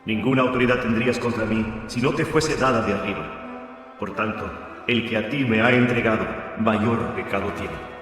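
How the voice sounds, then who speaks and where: A calm, solemn Jesus, as a male reader puts him on in a dramatized scripture reading. He speaks in measured, even phrases. The voice sits in a long, ringing hall reverb with faint music beneath. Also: fairly low pitch, lightly acted.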